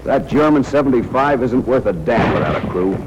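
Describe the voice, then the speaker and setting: An American man narrates a 1940s military training film, addressing soldiers directly in a tough, wry, slangy way. His medium-pitched voice has a sing-song lilt and moves fairly quickly. The lo-fi audio comes from a noisy 1940s film soundtrack.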